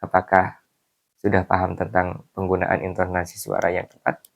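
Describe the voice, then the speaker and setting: A male teacher giving a calm video lesson to schoolchildren, explaining step by step with frequent fillers. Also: deep voice, moderate pace, gravelly, highs cut off. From Indonesia.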